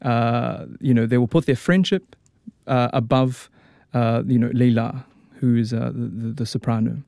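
Kiwi opera tenor guest, dry close sound, rambly with lots of ums and restarts. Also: male voice, medium pitch, fairly even intonation, moderate pace, creaky, mellow, no echo. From New Zealand. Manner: chatty, frequent fillers and restarts. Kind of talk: casual radio interview.

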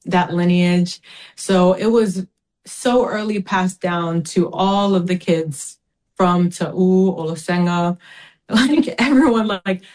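A woman's voice: on the low side, darkish tone, poor audio. Earnest woman from American Samoa. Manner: earnest, measured, speaks with pride of her home. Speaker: interview guest, community advocate. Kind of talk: interview answers.

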